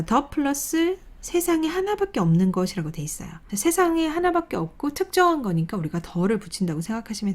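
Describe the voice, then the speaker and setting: A woman's voice: on the high side, darkish tone. A woman teaching an English grammar lesson online, explaining step by step and asking and answering her own questions. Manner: reads English example sentences slowly.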